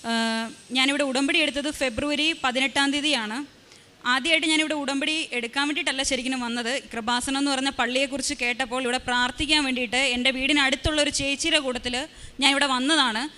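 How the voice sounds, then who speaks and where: Bright, quick-talking woman giving testimony. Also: high-pitched, fairly even intonation. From Kerala. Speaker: testimony giver. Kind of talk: church testimony.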